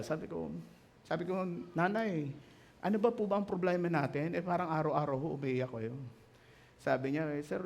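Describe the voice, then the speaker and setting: A man with a Filipino accent preaching a sermon as pastor, switching languages and acting out the people in his stories. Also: on the high side. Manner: mixes English and Tagalog, acts out the quoted people in his stories.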